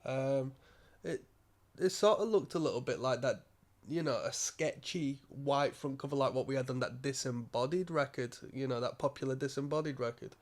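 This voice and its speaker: A music reviewer with a cold and a stuffy nose gives a rambling, casual album review, full of ums, restarts and the occasional cough. His voice is mid-range and moves at a normal speed.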